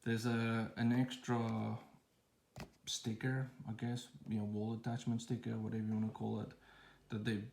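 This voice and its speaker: A man's voice: fairly low pitch, level tone, normal speed, gravelly, darkish tone. A man casually talking through an unboxing at home, rambling with fillers and restarts as he films on a phone held in one hand. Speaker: tech channel host.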